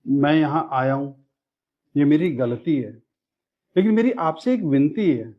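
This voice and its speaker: An actor playing a gentle, humble father-in-law who pleads softly and politely, recorded with dull lo-fi sound. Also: fairly high pitch, expressive, a little slow. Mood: pleading.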